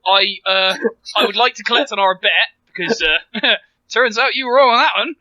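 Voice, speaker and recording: Bright, high-voiced man playing a tabletop game. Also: normal speed, no room sound, lo-fi sound. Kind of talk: casual in-character banter at a game.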